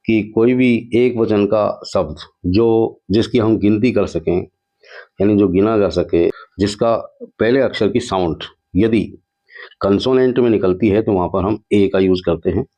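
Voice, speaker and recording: A male teacher walking through an exam paper step by step, reading the English sentences out slowly. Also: fairly low pitch, dark tone. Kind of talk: exam paper walkthrough lesson. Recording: dull lo-fi sound.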